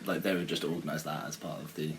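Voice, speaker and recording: A man co-hosting a podcast in a casual chat, relaxed with dry humor. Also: rumbling low, fast talker, a little hiss or hum. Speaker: podcast co-host.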